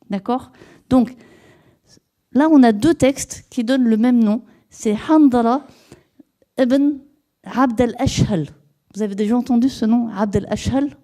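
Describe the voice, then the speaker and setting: A woman's voice: a little high, warm tone. A woman giving an academic lecture to an audience, explaining her research step by step, with hesitant restarts and questions put to the listeners. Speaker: lecturer in epigraphy.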